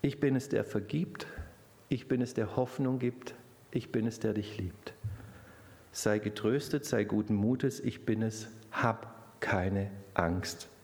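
A man voicing Jesus as a calm, comforting man who reassures in short, repeated phrases. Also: lowish voice, slow pace. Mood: reassuring.

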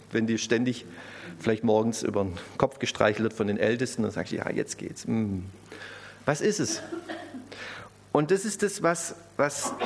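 Lively male preacher with conversational emphasis. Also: mid-range voice. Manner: lively, rising emphasis on key phrases, conversational "ne?" tags. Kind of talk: sermon.

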